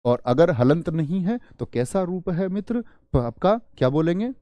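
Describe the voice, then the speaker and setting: A man's voice: fairly high pitch, sing-song, normal speed, mellow, no room sound. A man teaching a beginner lesson, repeating phrases, asking the class questions and acting out the students' imagined replies.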